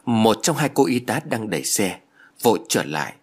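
A man's voice: lowish voice, big pitch swings, moderate pace, husky. A man narrating a ghost story in a dramatic, scripted storytelling manner.

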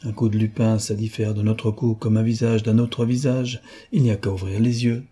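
A man's voice: fairly low pitch, little pitch movement, normal speed, dark tone, breathy edge. Man playing a blunt old police inspector. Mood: certain. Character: older police inspector, gruff, grudgingly admiring.

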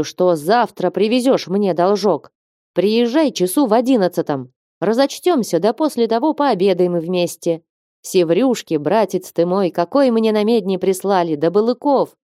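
A woman's voice: mid-range voice, dark tone, dry recording, natural voice. Unyielding male merchant, coaxing and proverb-quoting, dry close sound, read by a woman. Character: wealthy domineering male merchant, sly and coaxing.

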